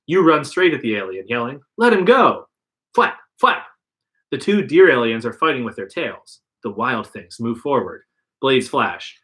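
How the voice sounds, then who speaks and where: A man's voice: medium pitch, animated, normal speed, a bit bright. A man reading an interactive gamebook aloud on a livestream podcast, putting on voices for the dialogue. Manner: reads narration plainly, puts on voices for dialogue. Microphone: livestream podcast mic.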